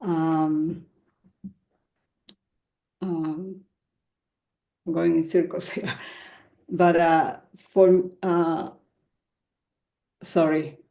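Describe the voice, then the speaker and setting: A woman poet from Ecuador answers a question at a reading, searching for words with frequent fillers. Her voice is low, mellow and gravelly, and she speaks slowly. The sound is roomy. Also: little pitch movement. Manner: hesitant, many fillers and laughs. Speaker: featured poet. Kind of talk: panel discussion answer.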